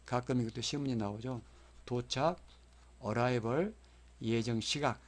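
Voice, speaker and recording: Korean man lecturing on exam questions. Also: medium pitch. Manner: explanatory, repeats key terms for memorizing; spells out English terms slowly.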